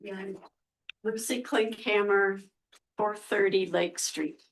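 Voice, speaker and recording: A woman resident giving public comment at a council meeting in council chambers, hesitant with many pauses and restarts. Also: mid-range voice, steady tone, a little hiss or hum, low-quality recording.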